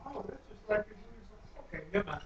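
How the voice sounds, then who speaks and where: A woman's voice: mid-range voice, animated, fairly quick, lo-fi sound, slight background noise. A young woman grumbling in embarrassment on a home video.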